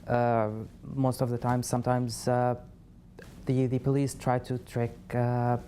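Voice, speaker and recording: A man from Syria, answering in a TV studio interview in a halting way, with many pauses and fillers. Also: mid-range voice, completely flat delivery, dark tone, slight background noise. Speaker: interview guest, refugee.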